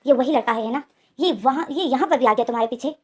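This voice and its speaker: A woman voicing a stern, angry older uncle who scolds loudly in a storytelling recap. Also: high-pitched, fast talker. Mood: scolding. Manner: loud scolding.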